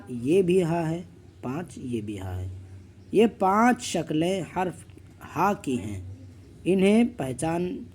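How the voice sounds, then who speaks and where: High-voiced man drilling letter sounds. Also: a little mellow. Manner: drills each letter slowly, then explains rules quickly. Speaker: Quran reading teacher. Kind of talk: slow letter-by-letter recitation lesson.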